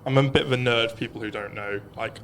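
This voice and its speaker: A man's voice: medium pitch, fast talker, fairly bright tone, slight background noise. A man, co-hosting a casual podcast with playful, self-mocking jokes. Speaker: co-host.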